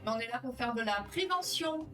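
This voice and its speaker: A woman's voice: fairly high pitch, lively intonation, brisk, fairly bright tone. A French woman hosting a live stream, chatting casually with viewers and reading out quiz questions in a rambling, easygoing way. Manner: chatty, rambling, reads viewer comments aloud. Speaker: livestream host. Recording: distant mic with music behind.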